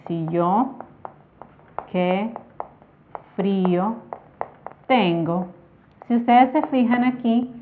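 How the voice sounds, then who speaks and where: A woman teaching a grammar lesson, explaining slowly and carefully and speaking her examples aloud. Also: mid-range voice. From Nicaragua. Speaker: Spanish teacher. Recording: tinny phone-like sound.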